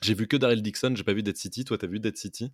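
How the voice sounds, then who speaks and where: A man co-hosting a casual podcast, giving a recommendation in a halting way with frequent fillers. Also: on the low side, no echo, studio quality. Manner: hesitant, many fillers and restarts, searches for words.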